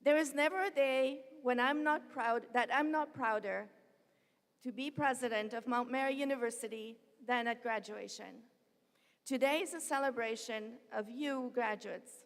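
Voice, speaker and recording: A woman who is a university president, giving a heartfelt, personal commencement address that drifts off script, speaking at a podium microphone in a large venue. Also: fairly high pitch. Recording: long reverb of a large hall.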